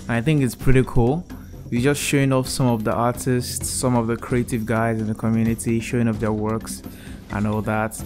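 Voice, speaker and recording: A young YouTube creator gives a relaxed, enthusiastic tour of a VR art gallery he built, wearing a VR headset in an indoor room and repeating "really cool." His mid-range voice moves at a moderate pace, recorded on earbuds with soft music in the background.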